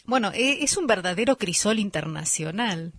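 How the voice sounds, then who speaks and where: A woman hosting a radio science program, asking questions and giving measured closing remarks. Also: mid-range voice, animated, a bit bright, husky, no echo. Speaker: radio show host.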